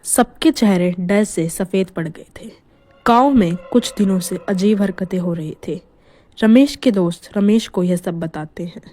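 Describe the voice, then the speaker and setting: A woman narrating a scripted horror story in a hushed, suspenseful manner. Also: medium pitch, a little slow, soft background music.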